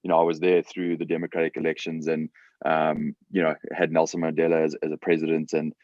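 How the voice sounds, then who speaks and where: A man's voice: very deep voice, monotone, fast, darkish tone, no echo. A man from Africa, a guest chatting casually in an interview from his garage, hesitant with many fillers and repeated words. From South Africa. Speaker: guest entrepreneur. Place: home garage. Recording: dull lo-fi sound.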